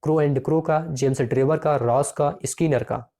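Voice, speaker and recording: Male exam-prep tutor, warm mellow tone, reads each question and its options, then drills the answer. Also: a little high, fairly even intonation, normal speed. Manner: addresses listeners as friends.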